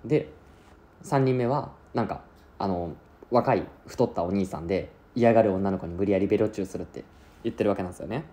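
A man's voice: lowish voice, a little fast, dark tone. A man recapping an anime plot in a chatty, casual way, acting out lines as he goes. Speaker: anime reviewer.

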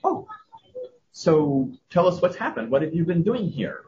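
A man's voice: fairly high pitch, sing-song, unhurried, a little mellow, lo-fi sound. A man interviewing a café worker for a podcast, asking curious follow-up questions and explaining context.

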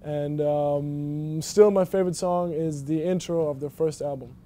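A young college athlete from Germany answers questions in a relaxed, halting way, full of ums and restarts. His voice is mellow and a little high for a man. He sits in an empty indoor arena. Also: a little hiss or hum. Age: young adult. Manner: hesitant, many fillers and restarts. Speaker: college basketball player. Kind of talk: casual interview answers.

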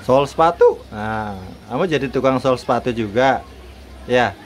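A man's voice: medium pitch, fairly even intonation, a little slow, slight background noise. A man chatting playfully with his pet bird at home, coaxing it to repeat words and teasing it, recorded on a handheld phone. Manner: playful and teasing, laughs often. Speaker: bird owner and seller. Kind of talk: casual chat with a pet bird.

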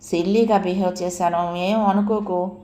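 A woman's voice: lowish voice, steady tone, normal speed, dark tone, lightly acted. A woman voicing a heartbroken, proud young woman who pleads through tears with her lover. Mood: bitter. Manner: tearful, pleading then bitter. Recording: echoey room, faint hiss.

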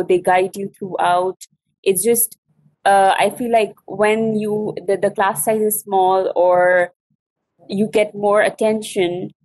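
A young woman speaks on a video call, halting and full of fillers. The sound is very dry and close, picked up by a laptop mic in a classroom. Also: medium pitch, darkish tone, no echo, rough recording. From Pakistan. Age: young adult. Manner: halting, with many fillers and restarts. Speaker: student. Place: classroom with whiteboard. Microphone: laptop webcam on a video call.

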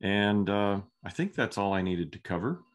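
Brief: male webinar host on a video call, low voice, easygoing and halting. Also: big pitch swings. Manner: halting, lots of ums and uhs. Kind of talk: casual hosting.

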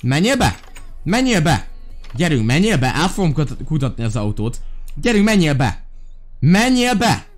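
A man hosting a Minecraft let's-play, talking in an animated, exclaiming way and giving bossy orders, with a lingering cough after being ill. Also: fairly high pitch, faint music behind. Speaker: gaming video host.

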